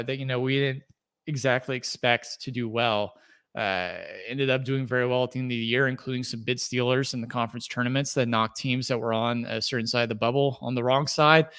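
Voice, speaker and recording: A young man hosts a solo sports podcast in an easy, unscripted way. His voice is smooth and clear, sitting at a middle pitch. He thinks aloud, with plenty of fillers and restarts. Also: steady tone, fairly quick, fairly bright tone. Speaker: podcast host. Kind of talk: casual solo podcast commentary.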